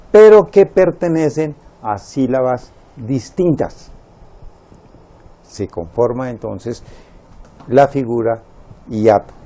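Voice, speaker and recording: A man teaching a Spanish lesson, slowly spelling out words syllable by syllable and counting them. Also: mid-range voice, dark tone. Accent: Latin American Spanish.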